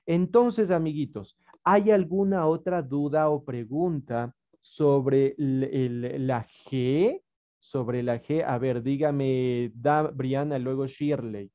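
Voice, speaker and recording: Taking it slowly in a very deep voice, a woman with an Ecuadorian Spanish accent teaches little ones online as a primary school teacher. She is patient and encouraging, full of diminutives, and her video-call sound is muffled.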